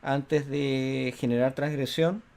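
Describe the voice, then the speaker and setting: A man hosting an online interview, summing up his guest's answer and asking follow-up questions in a measured way. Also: medium pitch, steady tone, creaky, darkish tone. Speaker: host. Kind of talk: interview on a web show.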